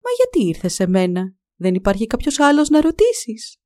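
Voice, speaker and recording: A woman voicing a haughty mayor's wife who scolds in a loud, high voice in a storybook reading. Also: wildly swooping pitch. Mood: indignant. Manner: shrill, scolding.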